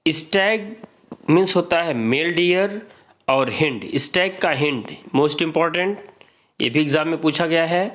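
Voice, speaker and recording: A man's voice: fairly high pitch, a little slow, a bit bright. A man with an Indian accent teaching an exam-prep grammar lesson, reading out word pairs and drilling students to repeat them.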